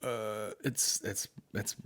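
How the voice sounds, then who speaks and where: Here the Northern Irish host, a man in his early thirties, talks slowly in a lowish, fairly bright voice with fairly even intonation. Close to a boom-arm studio mic in a small indoor podcast studio, he answers listener questions with blunt, sweary comic banter.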